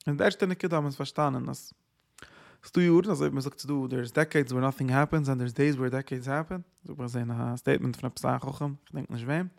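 A man with a gravelly, creaky voice of middling pitch lectures on Talmudic sources as a Torah teacher. He talks emphatically, pushes rhetorical questions, and swings between loud bursts and quiet asides. He slips English words into his speech. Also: fast talker.

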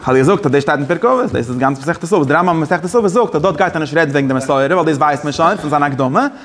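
A man gives a loose, rambling Torah class, breaking off to correct himself and slipping English and Hebrew terms into his sentences. His voice sits somewhat high for a man. The talk stays informal and circles around its points as he reasons aloud. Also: expressive, quick pace. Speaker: Torah teacher. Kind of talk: Yiddish-style Torah class.

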